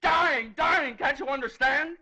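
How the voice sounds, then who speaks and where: A man's voice: sits high, a little fast. An actor playing a young lawyer and frantic father, pleading urgently in 1930s film style. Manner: urgent, pleading, breaking into shouts.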